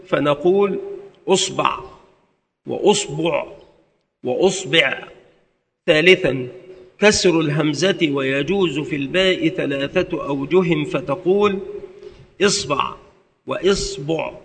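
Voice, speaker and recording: A man teaching a scholarly lesson on hadith and grammar, going through word forms one by one in a methodical way. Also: fairly high pitch. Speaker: religious teacher. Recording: long reverberant echo.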